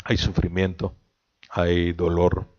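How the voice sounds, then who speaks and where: A man preaching a sermon, reading a long scripture passage aloud and then reflecting on it slowly. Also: low-pitched, monotone, mellow, lo-fi sound. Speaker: pastor.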